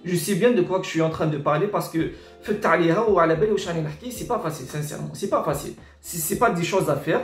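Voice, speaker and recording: A man with an Algerian accent giving informal, exasperated reaction commentary, repeating himself and switching between Arabic and French. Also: fairly high pitch. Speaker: online commentator. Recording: roomy echo with faint music. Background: faint music.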